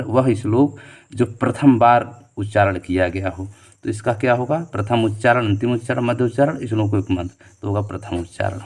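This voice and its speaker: A man's voice: lowish voice, darkish tone. Man drilling students through quiz questions. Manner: reads each question and its options, then reasons aloud to the answer; repeats key answers as a question-and-answer drill. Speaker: teacher. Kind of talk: exam-prep quiz lesson.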